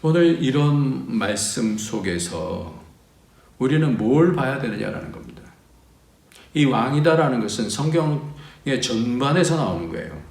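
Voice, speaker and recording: A male pastor delivering a sermon in a roomy, echoing space. His voice sits in a middle register, and he preaches with energy, pitch and loudness rising and falling widely. He also reads scripture aloud in long passages. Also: unhurried, vocal fry. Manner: animated preaching with wide swings in pitch and volume.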